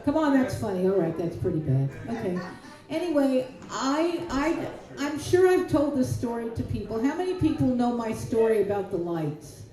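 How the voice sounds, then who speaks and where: A woman's voice: on the high side, big pitch swings, moderate pace, very echoey, a crowd in the background, rough recording. A woman from Kentucky with a Southern accent, telling a rambling, self-deprecating comic story in a chatty way. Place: outdoor public square.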